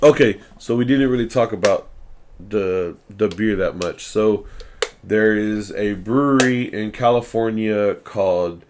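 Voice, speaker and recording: A man's voice: fairly low pitch, measured pace, darkish tone. A young man hosting a podcast, chatting casually over beers, blunt, profane and rambling. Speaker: podcast host.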